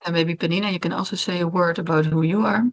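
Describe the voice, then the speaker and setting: A woman's voice: lowish voice, steady tone, quick pace, lo-fi sound. A young woman, the course moderator, opening a video-call webinar in a friendly, informal way with fillers. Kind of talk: hosting a webinar.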